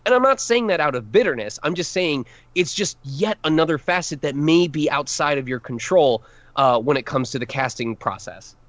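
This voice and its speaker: A voice actor guesting on a podcast chats casually, rambling and poking fun at himself as he explains how casting works. His voice is a little high and a bit bright, on a lo-fi recording with no echo.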